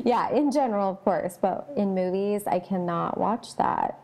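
Gravelly-voiced woman podcaster chatting. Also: medium pitch, animated, unhurried, warm tone. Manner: chatty, many fillers and asides. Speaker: podcast host. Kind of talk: casual chat, reading ghost stories aloud.

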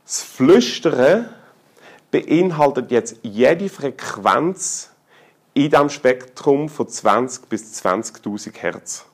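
Animated Swiss German preacher. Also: male voice, mid-range voice. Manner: animated, swings between loud and hushed; colloquial and humorous. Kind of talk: sermon.

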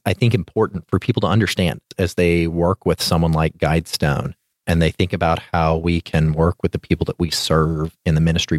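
A man's voice: sits low, dry recording, studio quality. A man hosting a podcast in a conversational but businesslike style, addressing guest and audience. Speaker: podcast host.

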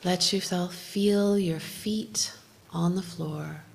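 Slow, low-voiced woman leading soothing guided meditation. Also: fairly even intonation, creaky, slightly rough. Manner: gentle, unhurried, with long pauses between short phrases.

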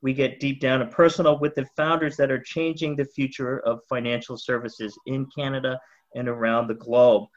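Male podcast host, mid pitch, slightly muffled audio, hesitant and chatty. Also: level tone, moderate pace. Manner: hesitant, repeats words. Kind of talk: interview podcast.

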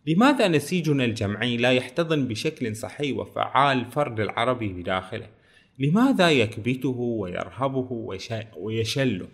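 A man's voice: medium pitch, lively intonation, normal speed. Bahraini man chatting about a book. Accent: Bahraini Arabic. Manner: conversational, explaining a text in dialect with frequent fillers. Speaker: book reviewer. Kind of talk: casual book talk.

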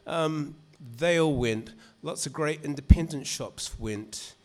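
Speaking slowly in a darkish voice pitched on the high side, a man with a New Zealand accent addresses a live audience at a literary reading. As an author, he's chatty and rambling, with many restarts and frequent "you know."

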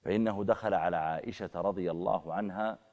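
A man preaching a sermon, rising sharply and forcefully on key phrases. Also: low-pitched, quick pace. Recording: long hall reverb.

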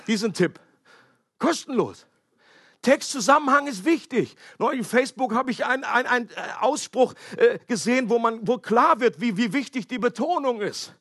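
A man's voice: very high-pitched, lively intonation, normal speed, a bit bright, breathy edge, no echo, clean studio sound. A man preaching a sermon in a conversational way, asking his listeners questions and making playful asides. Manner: conversational, asks the audience questions; playful asides with joking voices.

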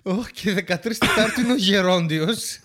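A man's voice: sits high, fairly bright tone, faint music behind. A man co-hosting a comedy podcast, reading out odd names with dry teasing jokes. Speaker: podcast co-host. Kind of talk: casual comedic chat.

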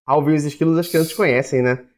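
A man, co-hosting a casual chat, mostly reacting with short, relaxed remarks and questions. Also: fairly high pitch, fast talker. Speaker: podcast co-host.

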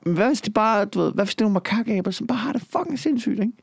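A man's voice: sits high, lively intonation, gravelly, slightly rough, no echo, clean studio sound. A man in casual chat, rambling and joking crudely with lots of filler tags.

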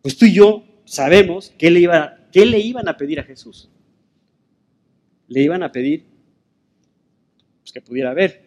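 A man's voice: high voice, lively intonation, unhurried, pauses often, a little mellow. A man preaching a sermon in a conversational way, asking listeners rhetorical questions.

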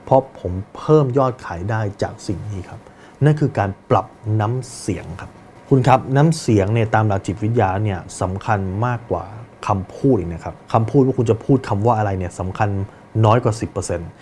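A man's voice: on the low side, brisk, a little mellow, slight background noise. A man hosting a business coaching podcast, speaking directly to the listener and demonstrating different tones of voice. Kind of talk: instructional podcast monologue.

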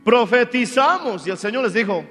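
A man, swinging between loud fervent praise and soft, hushed asides. His sermon rings with a long church-hall reverb, and soft music plays beneath it. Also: sits high, lively intonation, moderate pace. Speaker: pastor.

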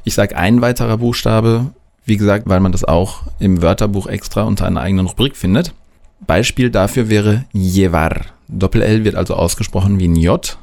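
A man explaining pronunciation in a clear, deliberate way, modelling example words as a language teacher. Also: lowish voice, a little mellow. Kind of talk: scripted instructional narration.

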